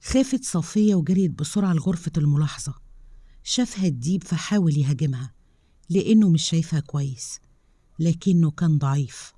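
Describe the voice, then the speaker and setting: A woman with an Egyptian accent narrating a story in a calm, measured way. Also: deep voice, dry recording, clean studio sound. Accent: Egyptian Arabic.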